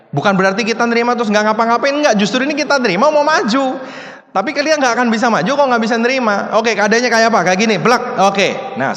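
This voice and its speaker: Long hall reverb surrounds a man with a high-pitched, somewhat bright voice. He's a motivational speaker addressing a seminar audience casually, throwing out plenty of rhetorical questions.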